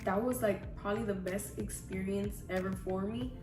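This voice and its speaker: A woman's voice: mid-range voice, steady tone, moderate pace, a little mellow. A woman in her twenties talks to viewers in an informal, self-deprecating vlog style. Her mid-range voice sounds affected by a cold. The room is echoey, and music plays underneath. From Houston, Texas, USA. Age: 20s. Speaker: vlogger. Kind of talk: casual chatty Q&A to viewers.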